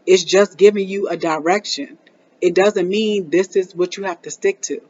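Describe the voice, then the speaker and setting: A woman's voice: on the low side, moderate pace, dull audio. A woman, talking casually to camera as a parenting vlogger and acting out little scenes with her daughter. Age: 40s. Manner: animated storytelling, acts out her daughter and herself.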